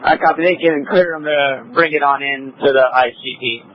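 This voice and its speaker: A man's voice: a little high, normal speed. A man, a sheriff's deputy, talking over a police radio in clipped, procedural phrases as he takes over incident command. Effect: police radio transmission. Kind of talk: radio traffic. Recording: muffled two-way radio audio.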